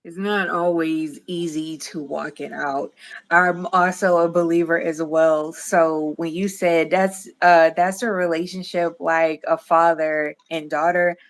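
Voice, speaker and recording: A woman hosts a faith-centered livestream interview. Her voice sits slightly low and she speaks slowly. She tells animated stories and acts out quotes with playful laughter. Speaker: host.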